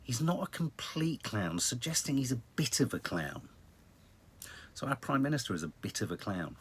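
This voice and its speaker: In a casual news chat, a British live-stream host talks to viewers in a wry, rambling manner with dramatic emphasis. His medium-pitched voice has big pitch swings, a moderate pace, a slightly bright tone, and a breathy edge.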